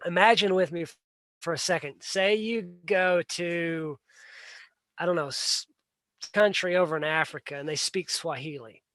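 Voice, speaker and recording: A man hosts a casual solo livestream, talking earnestly in a plain-spoken, blunt way and often repeating words as he restarts sentences. His slightly high voice is bright and forceful at normal speed, with a dry recording.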